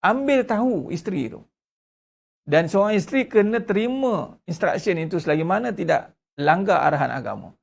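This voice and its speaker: A man with a Malaysian Malay accent gives a religious lecture as a religious teacher, speaking emphatically and asking rhetorical questions. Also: gravelly. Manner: emphatic, rhetorical questions, lively swings in pitch.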